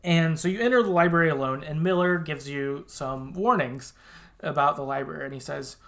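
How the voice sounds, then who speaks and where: A podcast host with a slightly high, gravelly, somewhat bright voice talks fairly quickly. His chatty summary of a game's story is laced with informal phrasing, the odd swear word and colloquial digressions.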